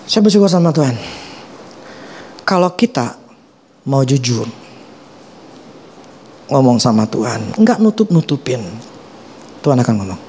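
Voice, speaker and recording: A middle-aged male pastor, preaching a sermon in colloquial, animated speech with sudden rises and drops in pitch. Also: a little slow, long pauses, a little hiss or hum. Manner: colloquial Jakarta-style slang, animated pitch swings.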